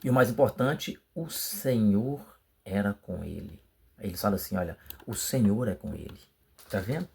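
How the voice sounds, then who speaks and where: A man's voice: fairly low pitch, animated, normal speed, vocal fry, breathy edge. A man, teaching a Sunday school lesson in a casual, emphatic way on an improvised computer mic. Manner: conversational, emphatic, swings between loud bursts and quiet asides. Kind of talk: casual lesson preparation talk. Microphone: improvised computer microphone.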